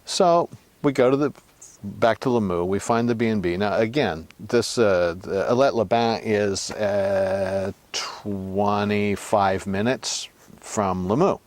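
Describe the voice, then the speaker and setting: A man recounts a trip in a relaxed, anecdotal way, his voice sitting on the lower side. He stumbles through fillers and restarts, then brightens and rises at the surprising turns. The sound is close and dry, with no room behind it. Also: no echo. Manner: halting, many fillers and restarts, animated when excited. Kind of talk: casual anecdotal storytelling.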